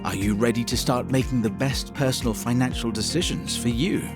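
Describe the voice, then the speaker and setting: A man reading a scripted podcast introduction in a polished, measured way. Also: medium pitch. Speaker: show announcer. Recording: music bed underneath. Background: music.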